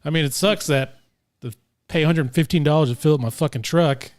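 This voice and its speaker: A man's voice: fairly high pitch, a little fast, no echo, studio quality. A young man hosting a podcast, chatting casually, rambling and swearing freely. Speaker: podcast host.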